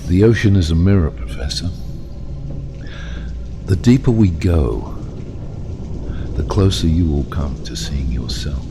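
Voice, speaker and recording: An actor playing a brooding, embittered submarine captain in a cinematic audio drama, grandiose and solemn in delivery. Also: male voice, low voice, unhurried, gravelly, pauses often, background noise. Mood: grandly ominous.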